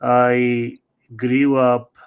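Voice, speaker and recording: A middle-aged man from Bangladesh, answering interview questions as an author in a measured, halting way with many fillers. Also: medium pitch, monotone, clean tone, lo-fi sound. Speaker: author and marriage celebrant, interview guest.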